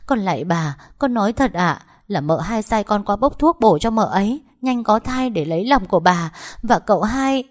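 A woman's voice: fairly low pitch, animated, normal speed, a little mellow, natural voice. A woman voicing a frightened young servant girl begging for mercy. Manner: trembling, begging.

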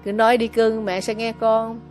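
A woman's voice: fairly high pitch, level tone, moderate pace, over music, natural voice. A woman voicing a scolding, greedy old village mother. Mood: scheming. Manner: loud, scolding, harsh.

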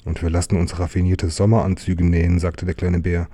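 A man's voice: sits low, level tone, a little fast, mellow, slightly rough. A man voicing a dreamy, wishful little male bear cub in a children's storybook reading.

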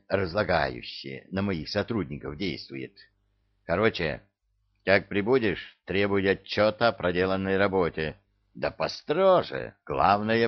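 A man's voice: low voice, lo-fi sound. A man voicing an irritable male devil who runs hell like an office, hissing and barking orders, in an audiobook. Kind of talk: audiobook character voice.

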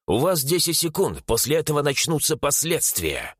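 A brash young mage, voiced by a male narrator, fires off mocking, impatient retorts. His husky voice swings widely in pitch. He sounds cocky and sure of himself. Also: sing-song, normal speed, no room sound, studio quality, heavily acted. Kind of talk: audiobook character voice.

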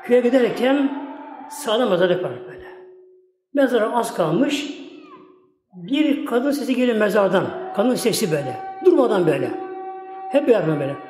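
Male preacher, high voice, folksy rambling storyteller, echoey room, faint music behind. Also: expressive, moderate pace, pauses often. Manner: keeps repeating "my esteemed ones" and "like this". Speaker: Islamic preacher. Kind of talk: religious talk with storytelling. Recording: echoey hall with long reverb, faint music.

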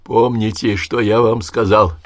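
A man reading an audiobook, voicing a dying male patient in terror who shouts hoarsely and desperately. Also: on the low side, steady tone, a little slow, dry recording, clean studio sound.

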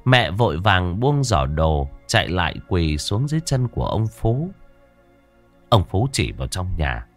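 Deep-voiced male storyteller. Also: big pitch swings, unhurried, soft background music. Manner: dramatic, emotive storytelling. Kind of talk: scripted ghost story narration.

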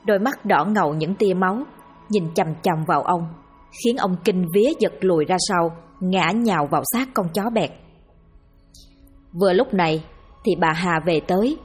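A woman narrating a scripted horror story in a steady, grim, dramatic manner. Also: on the low side, moderate pace, husky, soft background music.

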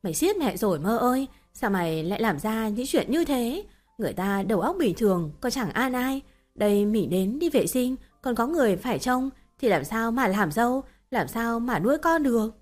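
A woman's voice: fairly high pitch, very animated, moderate pace, darkish tone, faint music behind. A woman voicing a distraught middle-aged mother who pleads and wails. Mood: wailing. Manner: pleading and wailing.

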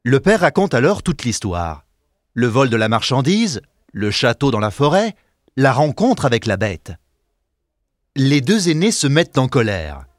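A man narrating a storybook audiobook with clear, expressive delivery, close to the mic. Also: medium pitch, measured pace, no echo.

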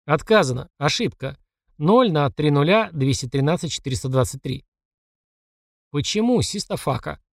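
A man reading a first-person audiobook, who delivers the system messages in a clipped, flat report tone. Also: fairly high pitch, moderate pace, no room sound, studio quality. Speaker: audiobook narrator.

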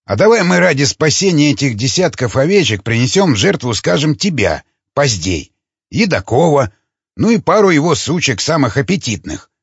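Husky, sneering cynical fighter, played by a male narrator; dry sound. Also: on the high side, big pitch swings, normal speed, no echo, exaggerated voice. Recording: dull lo-fi recording.

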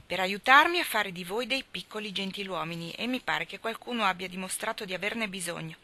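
A woman reading aloud, voicing a calm, motherly headmistress who speaks in a measured way. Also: mid-range voice, a little hiss or hum.

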